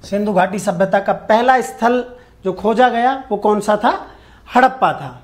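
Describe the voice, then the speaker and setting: Guy teacher with a fairly high voice doing an exam-prep class online, asks a question then answers it, says stuff twice. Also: moderate pace. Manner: poses questions and answers them himself, repeats key points; addresses viewers directly, asking for answers in the comments.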